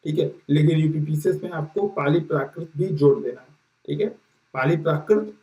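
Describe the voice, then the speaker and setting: A male teacher talks his students through an exam syllabus, checking in with them over and over and restarting his sentences as he goes. His voice is fairly high and warm, with a mellow tone. He sits some way back from the mic in a room with plenty of echo. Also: normal speed. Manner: repeats "ठीक है" as a check-in, many fillers and restarts. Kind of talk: casual explanatory lesson. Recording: roomy echo, distant mic.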